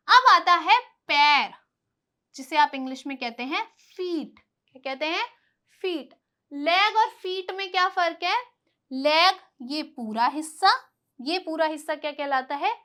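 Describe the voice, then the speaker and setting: A woman's voice: high-pitched, sharp tone. A woman teaching a vocabulary lesson, patiently explaining and drilling by asking her own questions and answering them. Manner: explains patiently, stressing pronunciation.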